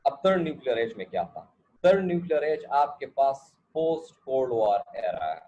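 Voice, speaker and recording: A man's voice: mid-range voice, big pitch swings, moderate pace, warm tone. A male lecturer, teaching a class and often checking that students follow, with English asides. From Pakistan. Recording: dull lo-fi recording.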